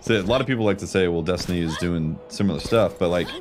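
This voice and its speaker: Speaking quickly in a deep voice, a man streams a video game and comments on it, musing in casual, slangy, conversational chatter. Video game music runs underneath.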